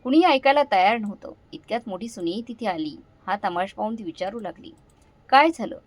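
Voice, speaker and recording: A woman's voice: mid-range voice, expressive, brisk, no echo, low-quality recording. Woman narrating an emotional story, dry. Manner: emotional, heartfelt. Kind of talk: first-person dramatic story narration.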